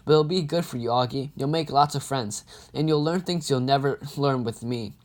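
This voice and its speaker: A man's voice: medium pitch, moderate pace, lightly acted. A man reading a storybook aloud and voicing a caring mother with a soothing, reassuring manner. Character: gentle caring mother, a woman.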